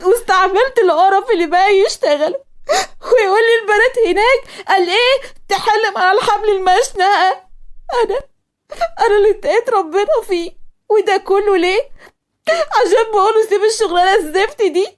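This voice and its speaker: A woman playing a sobbing, shrill young Egyptian woman. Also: brisk. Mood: sobbing outrage. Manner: shrill, wailing, indignant. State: crying. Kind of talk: cartoon story voice acting.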